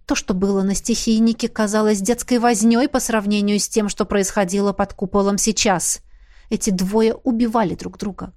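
A woman reading an audiobook in a steady, tense storytelling manner. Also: a little high. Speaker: audiobook narrator. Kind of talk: scripted narration.

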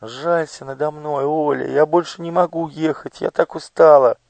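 A man's voice: on the high side, moderate pace, no echo, voice pushed up, lightly acted. Man doing a timid, pleading little girl.

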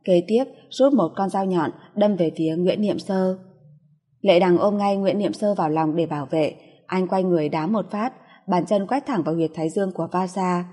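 A woman narrating an audiobook in a steady, even storytelling manner. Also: fairly low pitch, moderate pace, breathy edge. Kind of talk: scripted narration. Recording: long reverb.

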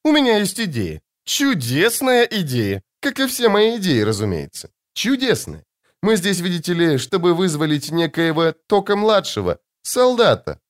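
A man's voice: high-pitched, huge pitch swings, moderate pace, voice pushed up. A man putting on a vain, airy beauty. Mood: airy, coy. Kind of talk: audiobook narration.

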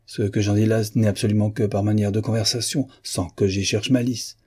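A man voicing a sharp-tongued satirical woman over thirty with a cutting, ironic manner, reading a classic novel aloud. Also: on the low side, level tone, fairly quick, breathy edge. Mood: mock-polite.

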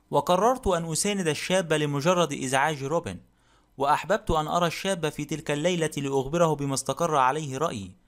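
A blustering, rude burly man, put on by an audiobook reader, gruff and blunt. His voice sits a little high for a man. He barks short, dismissive remarks. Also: natural voice. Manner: gruff and blunt, barking insults. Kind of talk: audiobook character reading.

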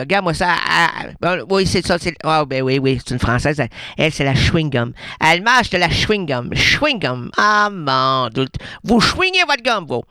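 A man with a Québécois accent, hosting a radio show as a rambling absurd monologue full of puns and stammered restarts, jumping between hushed asides and sudden shouts. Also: on the high side, smooth, no room sound, clean studio sound. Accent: Québécois French. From Quebec. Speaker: radio host.

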